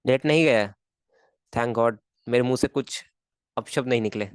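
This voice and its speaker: A man's voice: mid-range voice, moderate pace, dry recording. A male physics teacher talking through a live online lesson. He chats casually and mutters to himself as he sketches diagrams. The sound is dry and close. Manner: chatty, mutters to himself while drawing.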